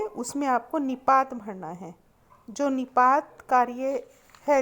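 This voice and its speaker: A woman teacher giving a recorded class lesson, explaining slowly and repeating her examples with emphasis. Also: on the high side. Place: recorded at home on a phone app.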